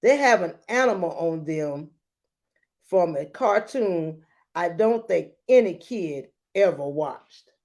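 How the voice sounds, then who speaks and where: Slow, very animated woman reading aloud. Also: fairly low pitch. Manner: expressive, dramatic emphasis with deliberate pauses. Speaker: read-aloud host. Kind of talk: children's storybook read-aloud with brief asides.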